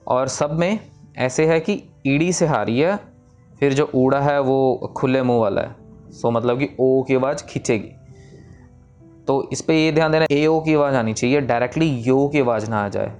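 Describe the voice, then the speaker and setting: A man giving a pronunciation lesson, explaining each sound and then reciting the lines slowly and drawn out. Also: mid-range voice, a little mellow, lo-fi sound. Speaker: Gurbani recitation teacher.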